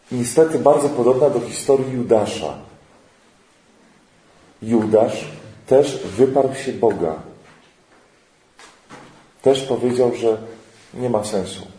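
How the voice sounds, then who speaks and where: Male preacher, unhurried storyteller voicing Bible figures, echoey hall sound. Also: medium pitch. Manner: animated storytelling, acting out Bible characters' lines. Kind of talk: sermon.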